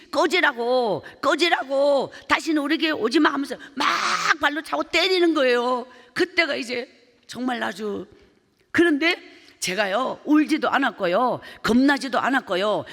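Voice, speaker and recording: A woman's voice: sits high, a bit bright. A woman evangelist giving an emotional testimony sermon, telling her story vividly and acting out the voices in it. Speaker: evangelist preacher. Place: church sanctuary. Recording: long church hall reverb.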